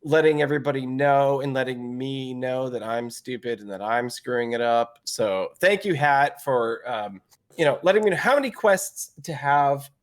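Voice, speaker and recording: A man's voice: medium pitch, expressive, normal speed. A Canadian man co-hosting a podcast in casual chat, laughing often and stumbling through restarts. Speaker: podcast co-host.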